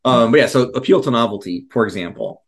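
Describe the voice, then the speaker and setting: A man's voice: mid-range voice, expressive, fast, breathy edge. A man co-hosting a casual history discussion, talking in a rambling way with many fillers and restarts. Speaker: podcast co-host.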